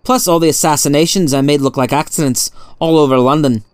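A man's voice: fairly high pitch, clear, resonant tone, dry recording, clean studio sound, lightly acted. Man playing Moriarty, a polite criminal mastermind. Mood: placid. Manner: mild, polite, measured. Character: placid criminal mastermind professor, coolly menacing man.

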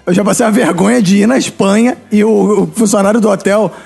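A man's voice: high voice, fast, gravelly, darkish tone, slightly rough. A man with a Brazilian accent in casual chat, telling embarrassing stories and laughing at himself. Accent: Brazilian Portuguese. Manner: storytelling, laughing at his own embarrassment.

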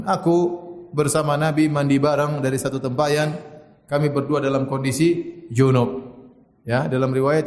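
A man giving a sermon, telling stories lively, quoting Arabic and joking. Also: a little high. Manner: lively storytelling with Arabic quotes and jokes. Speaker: preacher. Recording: echoey hall.

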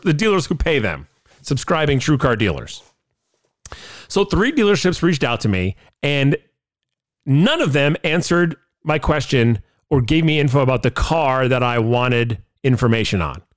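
A man's voice: medium pitch, no echo. A man hosting a casual podcast, talking into a studio mic with an exasperated, laughing manner. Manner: exasperated, laughing often, animated. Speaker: podcast host. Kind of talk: casual banter.

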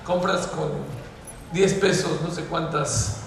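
A man with a Mexican accent giving a sermon to young people, telling stories animatedly and rising to loud exhortation. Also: a little high, slow pace, crowd noise. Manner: animated storyteller who mimics the people in his stories; rises to loud, emphatic exhortation. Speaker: religious speaker addressing young people. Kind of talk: sermon with storytelling. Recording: echoey hall, voice from far off.

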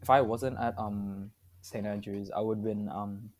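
A man's voice: on the low side, steady tone, measured pace, darkish tone. A teenage man, chatting casually with friends, rambling with lots of fillers and restarts. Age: teens. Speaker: student. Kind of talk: casual chat.

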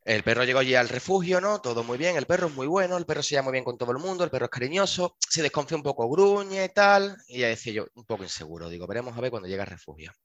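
A man talks quickly and casually about his shelter work, acting out the dialogue of his stories. His voice sounds dry and close, with a slightly dull, lo-fi tone. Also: medium pitch, no room sound. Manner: animated, acts out dialogue in his anecdotes. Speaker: dog shelter worker. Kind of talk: casual chat, storytelling.

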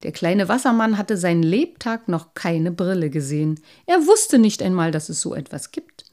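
A woman reading a children's story aloud in an expressive, animated way. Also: fairly low pitch, normal speed.

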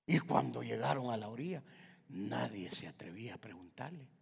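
A man from Guatemala with a Guatemalan Spanish accent, preaching a fervent sermon in a church. He swings from shouted calls to hushed whispers and keeps addressing his listeners as brother. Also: medium pitch, expressive, normal speed, vocal fry, husky. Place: church hall. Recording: long reverb of a large hall.

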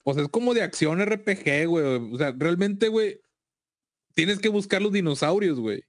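Mexican man, higher-pitched, laddish slangy bro chatting casually, very dry recording. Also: expressive, moderate pace, dry recording. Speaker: video game collector. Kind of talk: casual chat.

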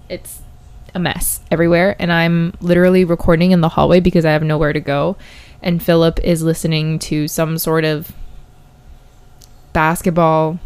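A woman's voice: on the low side, a little mellow, smooth. A woman hosting a solo podcast in a casual, chatty, informal way, recorded indoors in an apartment hallway. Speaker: podcast host and science teacher.

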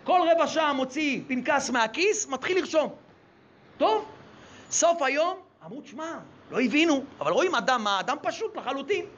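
Very high, bright male rabbi preaching. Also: muffled recording, a little hiss or hum. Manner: animated, with many rhetorical questions. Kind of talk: sermon with storytelling.

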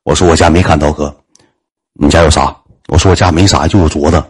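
A man with a Northeastern Chinese accent voicing a frightened fat man who urgently hushes others. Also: rumbling low, steady tone, quick pace, breathy edge, pitched below the performer's own voice.

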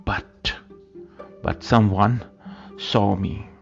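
Slow gravelly male audiobook reader. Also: lowish voice, steady tone, dull audio, faint music behind. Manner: slow, halting delivery with repeated words. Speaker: narrator. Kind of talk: audiobook reading of a period story.

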